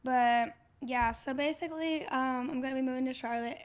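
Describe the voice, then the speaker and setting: A woman's voice: sits high, fairly even intonation, moderate pace. A woman in her twenties co-hosting a podcast, telling a story in casual chat with lots of "like" fillers. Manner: chatty, storytelling with many "like" fillers. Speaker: podcast co-host.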